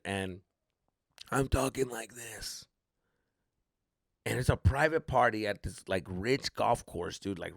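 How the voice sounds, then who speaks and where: A Mexican-American comedian hosts a solo podcast, telling stories casually with slang, swearing, bits of Spanish, and animated impressions of how people reacted. His voice is mid-range, and the studio-quality sound has no echo.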